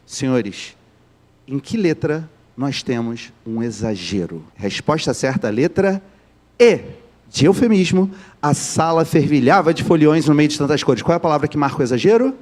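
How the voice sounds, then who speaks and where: A man's voice: on the high side, animated, moderate pace, a little mellow. Joking Carioca male teacher. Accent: Carioca Brazilian Portuguese. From Rio de Janeiro, Brazil. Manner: joking, keeps quizzing the students. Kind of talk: live online class.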